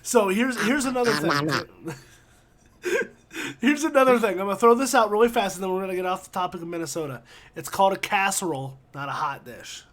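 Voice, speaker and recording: A man's voice: high-pitched, a little fast, fairly bright tone. A man co-hosting a podcast, casually ranting and teasing his co-hosts. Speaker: podcast co-host.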